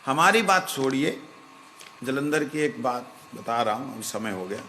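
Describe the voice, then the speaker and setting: A man giving a slow, reflective devotional talk as a spiritual teacher, now and then breaking into chanted verses. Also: mid-range voice, lively intonation, bright, forceful tone, slight background noise. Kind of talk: devotional discourse.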